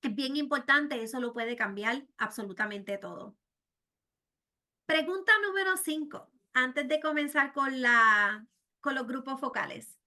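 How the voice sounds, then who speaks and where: A middle-aged program director from Puerto Rico presents a webinar to healthcare providers in Puerto Rican Spanish, earnest and full of fillers and "¿verdad?" tags. Her voice sits high with a sharp tone and lively intonation, and she speaks a little slowly.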